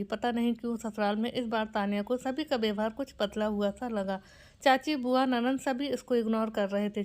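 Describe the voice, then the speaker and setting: Narrator: woman, fairly high voice, scripted story reading. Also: a little mellow. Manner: reads dialogue of every character in her own voice.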